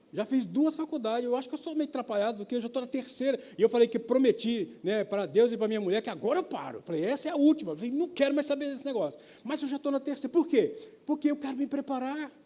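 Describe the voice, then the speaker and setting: A man, preaching a sermon full of personal stories, animated and humorous, acting out the dialogue. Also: very high voice. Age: 50s. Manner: animated, acts out dialogue with quick voice changes; colloquial and humorous, with mild laughs. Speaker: pastor.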